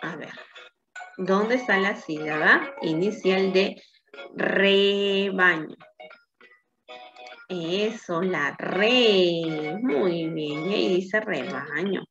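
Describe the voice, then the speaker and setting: A woman's voice: lowish voice, slow, fairly bright tone, highs cut off, faint music behind. A woman teacher leading a patient phonics lesson for children, often checking in with "¿sí?".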